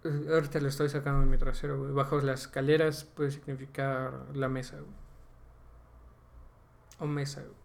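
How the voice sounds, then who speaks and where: Brisk and gravelly, this young Mexican man's mid-range voice shows little pitch movement, and he pauses often. As co-host of a casual podcast, he explains at length and ends nearly every phrase with a slang filler.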